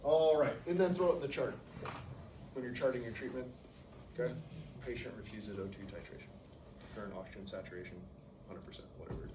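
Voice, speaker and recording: A man's voice: mid-range voice, a little fast, long pauses. A man teaches a class in a loose, chatty way, tossing in "okay?" after nearly every point. He is recorded from across a roomy classroom, with noise under his voice and a distant, echoey sound. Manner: casual, peppers sentences with "okay?", acts out patients. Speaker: respiratory therapy instructor. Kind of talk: classroom lecture.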